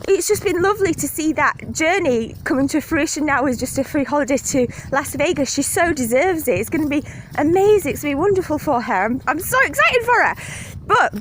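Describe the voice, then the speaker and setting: An excited, out-of-breath woman gives a gushing motivational pep talk to her phone camera while walking her dog outdoors. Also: high voice, a little hiss or hum. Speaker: network marketing team leader.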